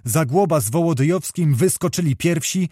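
A man reading a classic novel aloud as an audiobook narrator, in steady, measured storytelling. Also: fairly high pitch, breathy edge, no echo, studio quality.

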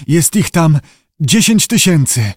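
Man doing a panicked, hoarse young pearl diver. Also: sing-song, slow, dry recording, studio quality, heavily acted. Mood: frightened. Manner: shrill, panicked shouting. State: hoarse, panting.

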